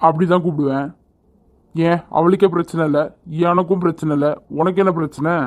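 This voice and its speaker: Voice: medium pitch, steady tone, brisk, lightly acted. Hot-tempered voice for a cartoon young man. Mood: irritated. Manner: scolding, commanding. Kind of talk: animated cartoon voice acting.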